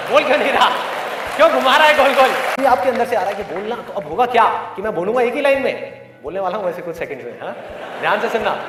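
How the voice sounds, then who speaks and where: A man with an Indian accent giving an emphatic, rhetorical motivational talk to students, swinging between loud and hushed. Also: high voice, very echoey, far from the mic. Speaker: motivational speaker.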